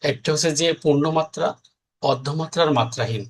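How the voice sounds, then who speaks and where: A man's voice: fairly high pitch, fast, breathy edge. Man teaching an exam class. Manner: conversational, explaining step by step with frequent fillers and checks. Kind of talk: recorded exam lesson.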